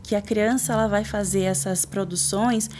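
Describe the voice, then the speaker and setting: A woman's voice: mid-range voice, fairly even intonation, moderate pace, a little mellow, a little hiss or hum. A Brazilian woman, a child development specialist, explaining at length in a podcast conversation, often ending phrases with "né?" and imitating baby babble. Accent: Brazilian Portuguese.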